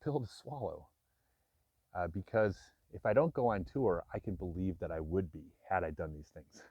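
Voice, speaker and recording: This fifty-something vlogger talks personally and openly to the camera, reflecting frankly, poking fun at himself, and chuckling now and then. He has a fairly low, husky voice, captured in a dry, lo-fi recording.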